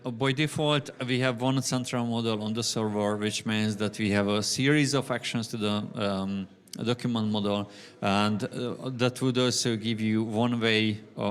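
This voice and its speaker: Low-voiced Hungarian-accented man presenting. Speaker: conference speaker. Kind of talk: technical presentation.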